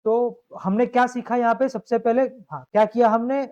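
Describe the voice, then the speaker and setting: A high-pitched man works through a math problem in a live online class, checking step by step that his students follow. The sound is dull and lo-fi, like a compressed stream. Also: fairly even intonation, moderate pace, darkish tone. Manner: explains step by step, asks students to confirm. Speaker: math teacher.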